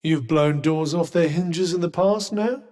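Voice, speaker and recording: A man's voice: fairly high pitch, unhurried, darkish tone, lightly acted. Cuff, haughty echoing British game companion man acting. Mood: skeptical, dry. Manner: dry, wry, condescending, formal diction. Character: sardonic, erudite, haughty sentient magical cuff companion. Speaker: video game companion character. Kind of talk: scripted video game dialogue. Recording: long echoing reverb.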